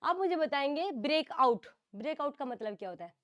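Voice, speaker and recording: Woman teacher, high voice, online class, explains each term twice in two languages. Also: expressive, brisk, fairly bright tone, lo-fi sound. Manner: explains phrasal verbs, calls on students by name, repeats words in English and Hindi. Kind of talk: online exam-prep class.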